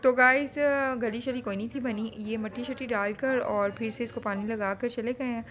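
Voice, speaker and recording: A woman in her thirties speaks at a moderate pace with a fairly bright, high tone and fairly even intonation, her accent Pakistani Urdu. As a vlogger and mother, she chats casually with her children in a home vlog, scolding and coaxing them at home and at a restaurant.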